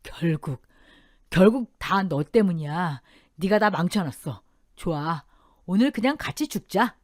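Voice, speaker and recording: A woman's voice: on the low side, animated, measured pace, darkish tone, dry recording, studio quality. A woman playing a desperate violent husband. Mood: menacing. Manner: pleading, then menacing.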